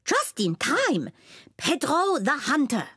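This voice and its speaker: A woman speaking gently in a children's cartoon, with a storybook delivery. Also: high-pitched, wildly swooping pitch, slow pace, no room sound, clean studio sound.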